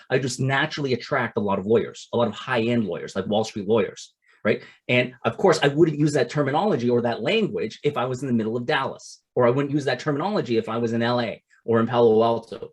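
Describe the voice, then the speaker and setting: A middle-aged Canadian investment coach with a somewhat husky, breathy mid-pitch voice teaches a seminar, talking fast and conversationally. He repeats words, restarts phrases, and keeps tagging on "right?"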